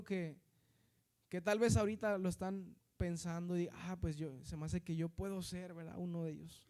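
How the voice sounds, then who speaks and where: High-voiced northern Mexican preacher. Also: male voice, darkish tone. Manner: conversational preaching, constant tag questions and addressing the brethren. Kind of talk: sermon.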